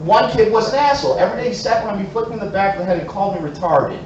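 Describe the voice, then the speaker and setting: A male stand-up comedian with halting starts, telling crude self-mocking stories. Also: high-pitched, muffled recording. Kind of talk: stand-up set. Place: comedy show in a hotel room. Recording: echoey room, distant mic, noisy.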